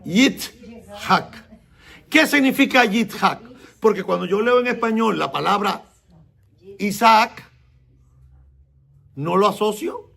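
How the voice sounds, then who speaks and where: Gravelly, high-voiced man preaching. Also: fairly bright tone. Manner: explains slowly and repeats words, asks the congregation questions. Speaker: messianic rabbi teaching. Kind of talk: sermon.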